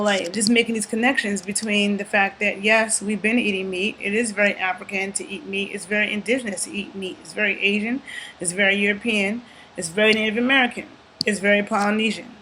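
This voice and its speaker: Woman vlogger, earnest and emphatic, bright tone, casual commentary with fillers, faint background hiss. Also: mid-range voice, low-quality recording. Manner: earnest, emphatic, checks in with "okay?"; thinks aloud with fillers and restarts. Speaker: YouTube commentator. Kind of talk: casual talking-to-camera commentary.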